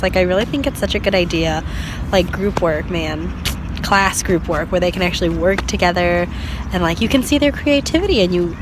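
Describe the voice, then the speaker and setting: Young American woman vlogger, chatty and filler-heavy, phone mic, faint traffic outside. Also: medium pitch. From United States. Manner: chatty, laughs often, many fillers. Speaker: vlogger and language assistant at a school. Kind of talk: casual vlog chat. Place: outdoors in a park.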